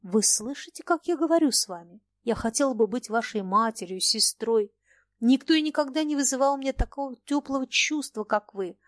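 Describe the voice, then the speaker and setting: A woman reading the lines of a refined, anxious lady in an audiobook, with hurried, plaintive delivery. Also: sits high, animated, no echo. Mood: pleading. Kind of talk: audiobook dialogue.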